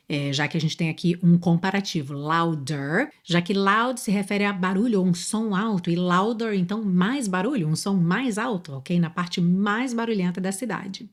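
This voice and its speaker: A woman with a Brazilian Portuguese accent, an English teacher explaining song lyrics step by step and reading the English lines slowly and clearly. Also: medium pitch.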